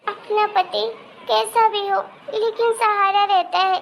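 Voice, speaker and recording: A woman's voice: extremely high pitch, fairly even intonation, takes it slowly, vocal fry, a little hiss or hum, full character voice. A woman voicing a meek, ailing widowed mother-in-law in her old age, speaking weakly and sorrowfully in a family drama. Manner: weak, quiet and sorrowful pleading.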